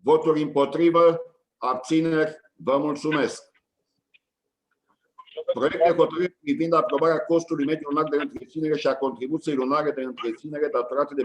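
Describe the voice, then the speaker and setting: A man chairing a county council meeting, reading out agenda items and calling votes in a brisk, routine way. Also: medium pitch, slight background noise, rough recording. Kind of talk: formal procedural chairing.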